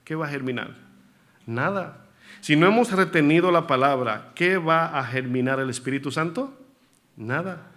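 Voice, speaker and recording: A man's voice: on the high side, fairly bright tone. A male pastor preaching a sermon in church, often asking the congregation questions and repeating key words for emphasis.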